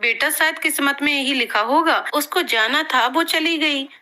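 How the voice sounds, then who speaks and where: A woman voicing a gentle, joking old father. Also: high voice, moderate pace. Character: affectionate older father, wealthy hotel owner.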